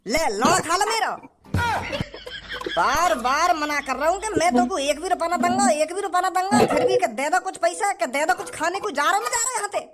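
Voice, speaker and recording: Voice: very high voice, lively intonation, fairly quick, very noisy. A performer voicing a stingy, rude male shopkeeper scolding a beggar. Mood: scornful. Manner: scornful, scolding.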